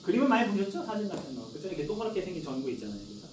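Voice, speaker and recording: A man's voice: sits high, big pitch swings, racing, a little mellow, a little hiss or hum. A man in his forties teaching a class in a classroom, chatty, often asking students questions and answering them himself. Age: 40s. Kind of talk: classroom lecture. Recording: echoey classroom from far off.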